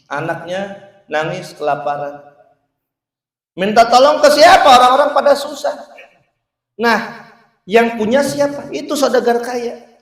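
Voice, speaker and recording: Male preacher, storyteller, joking and direct; slow, fairly high voice. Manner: lively, joking, addresses listeners as Pak. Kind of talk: Islamic sermon storytelling. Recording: roomy, distant mic.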